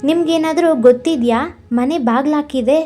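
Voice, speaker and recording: A woman's voice: normal speed, dark tone, soft background music, lightly acted. A woman voicing a spoiled younger daughter who comes to regret her ways in a cartoon story. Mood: eager. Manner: eager, higher-pitched. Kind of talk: storybook character voice.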